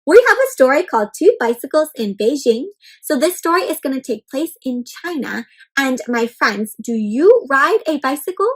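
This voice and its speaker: This children's read-aloud storyteller has a high-pitched voice and an animated style as she reads a picture book to young kids. She asks them questions and leaves pauses for thinking, and the audio is poor.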